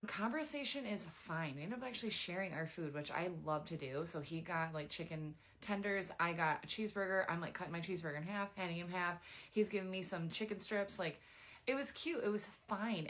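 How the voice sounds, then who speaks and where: Low-voiced young woman telling a story. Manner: chatty, animated retelling with lots of "like". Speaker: vlogger telling a dating story. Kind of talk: casual storytime chat.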